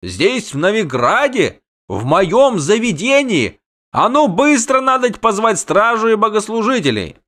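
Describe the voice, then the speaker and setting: A man's voice: on the high side, big pitch swings, normal speed, fairly bright tone, pitched above the performer's own voice. A man reading the part of a middle-aged male innkeeper who talks in fussy, alarmed exclamations.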